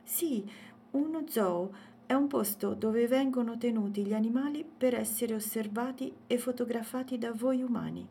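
Wise gentle pet guy in a kids story, as a woman reader does him, raised voice. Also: on the high side, normal speed, slightly rough, pitched above the performer's own voice. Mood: explaining. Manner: patient, explaining. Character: calm, knowing male pet companion.

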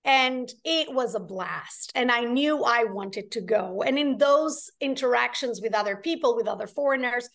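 Guest, woman, voice sitting a bit high; earnest, rambling, restarts sentences. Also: fairly bright tone. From Portugal. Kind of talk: casual interview chat.

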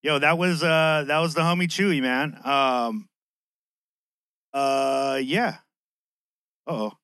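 A man's voice: a little high, takes it slowly, a bit bright, smooth, no echo, clean studio sound. A man with a lisp and whistling s sounds hosting a podcast in a casual, slangy, chatty monologue that swears freely. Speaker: podcast host.

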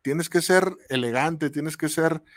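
A man's voice: on the high side, slow pace, no echo, studio quality. A man with a Mexican accent hosting a podcast, talking in a casual, slangy and rambling monologue and acting out the people he quotes. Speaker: podcast host.

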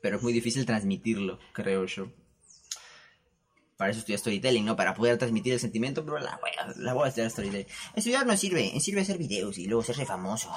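Husky-voiced Peruvian man telling stories. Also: fairly low pitch, quick pace. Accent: Peruvian Spanish. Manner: animated, laughs often, swears casually. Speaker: vlogger. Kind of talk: casual storytelling monologue. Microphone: camera setup with microphone.

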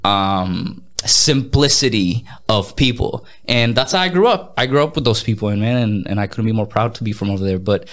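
This is a music artist from Mexico, in his thirties, appearing as a guest in a casual interview. He talks fairly fast with few pauses in a lowish voice. His delivery is energetic, with repeated words and Spanish phrases mixed in.

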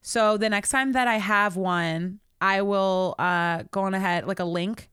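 A woman's voice: mid-range voice, fairly even intonation, a little slow, fairly bright tone, clear, resonant tone, no room sound, studio quality. A woman co-hosting a podcast in casual chat, rambling with fillers and frequent laughter. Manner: giggly, rambling with many fillers. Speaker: podcast co-host.

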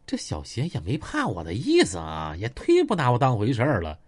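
A man's voice: medium pitch, wildly swooping pitch, brisk, husky. A man voicing a boastful, coarse male gang boss, taunting his rivals. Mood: indignant grumbling.

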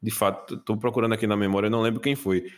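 A man's voice: on the low side, steady tone, very fast. A man hosting a podcast, telling funny stories in casual chat and laughing often. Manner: jokey storyteller, laughing often. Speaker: podcast host.

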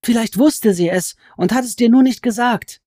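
A woman voicing a defiant young heroine who answers a goblin with sharp, scornful retorts. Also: fairly high pitch, moderate pace, no echo, clean studio sound, pitched above the performer's own voice, lightly acted.

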